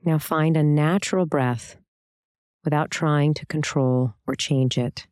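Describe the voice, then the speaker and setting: A meditation instructor guides a scripted meditation in a smooth, clear, mid-range voice with a dark, relaxed tone. She speaks gently and soothingly, leaving long pauses between phrases. The sound is dry, with no room or echo around it.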